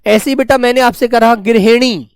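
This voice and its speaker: A male teacher giving a spelling class, dictating words slowly and repeating each one, talking to pupils in a fatherly way. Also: very high-pitched, smooth, no room sound, studio quality. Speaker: Hindi teacher.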